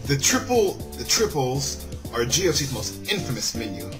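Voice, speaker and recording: A video game let's-play host reads a visual novel aloud and comments casually, often stumbling over lines and correcting himself. His mid-range voice is sing-song and moderately paced. Game background music plays behind him.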